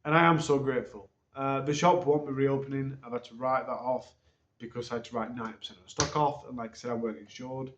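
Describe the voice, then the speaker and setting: A man, a channel host, giving viewers a casual, rambling update full of ums, recorded on a low-quality phone. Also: fairly even intonation, fast, background noise. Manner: hesitant, rambling, many ums. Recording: dull, roomy phone recording.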